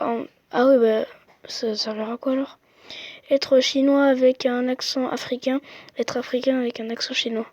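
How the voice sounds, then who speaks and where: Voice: mid-range voice, no room sound. A young speaker giving casual, slangy commentary while playing a quiz game on a phone, chatting to viewers. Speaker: gamer playing a quiz app. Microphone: phone microphone.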